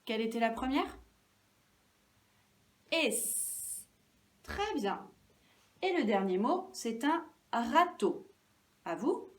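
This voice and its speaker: A woman teacher giving a lesson to young children, speaking slowly and clearly, stretching out syllables and encouraging them. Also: a little high, very animated, far from the mic.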